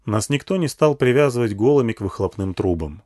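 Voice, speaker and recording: A man's voice: mid-range voice, lively intonation, brisk, darkish tone. A man narrating a first-person post-apocalyptic audiobook in a dry, matter-of-fact way. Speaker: audiobook reader.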